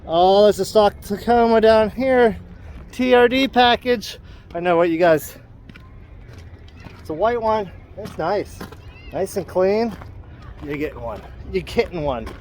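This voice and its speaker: A man's voice: sits high, slow, long pauses, darkish tone, a little hiss or hum. A man vlogging casually while walking around an outdoor parking lot, sounding enthusiastic and admiring. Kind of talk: casual walk-and-talk vlog.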